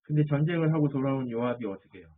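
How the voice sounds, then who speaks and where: A man's voice: mid-range voice, racing, slight background noise. A man preaching a sermon as a pastor, asking his listeners questions and answering them himself. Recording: tinny phone-like audio.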